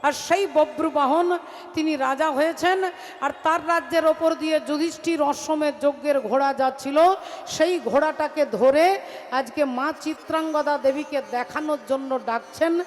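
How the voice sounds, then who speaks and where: A woman's voice: sits high, moderate pace. A woman telling a devotional story in kirtan style, dramatic and acting out the characters. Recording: reverberant hall with music.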